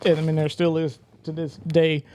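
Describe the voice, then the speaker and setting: A man hosting a podcast in casual chat. He agrees with his guests often and chimes in with quick affirmations. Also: a little high, completely flat delivery, a little mellow. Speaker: podcast host.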